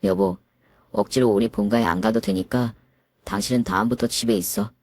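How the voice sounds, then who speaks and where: A woman voicing a timid, soft-spoken husband who pleads meekly and hesitates. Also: a bass voice, fairly even intonation, fairly quick, no echo, voice pushed down. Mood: pleading.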